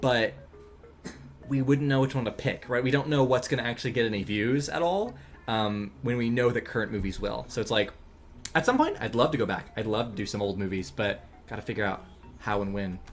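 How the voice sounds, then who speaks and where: Relaxed, rambling male streamer. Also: medium pitch, brisk, faint music behind. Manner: relaxed, rambling, thinks aloud with frequent ums and laughs. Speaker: streamer and animator. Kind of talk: casual chat while drawing on a livestream.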